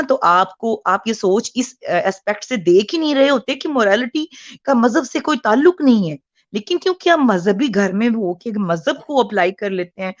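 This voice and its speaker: A woman's voice: on the high side, no echo, muffled recording. Woman in her forties, heard over a call. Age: 40s. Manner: hesitant, with many fillers and restarts. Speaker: caller. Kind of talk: earnest call-in testimony.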